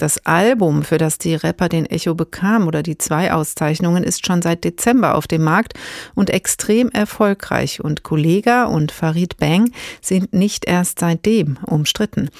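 Radiomoderatorin mit eher tiefer Stimme. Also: female voice, fairly low pitch, a little mellow, dry recording, clean studio sound. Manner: conversational, searching for words in questions. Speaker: radio presenter. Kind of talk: radio culture magazine moderation.

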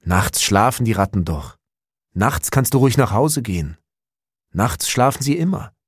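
A bow-legged older man who coaxes a child along kindly, read by a male narrator. The voice is low and husky, with a dry, close sound in an audiobook reading. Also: very animated, moderate pace, no room sound. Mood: coaxing. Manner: gently persuasive.

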